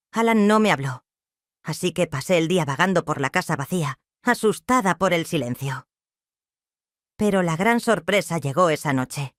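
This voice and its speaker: A woman reading a dramatic first-person story in a steady scripted narration. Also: fairly low pitch, dry recording, clean studio sound.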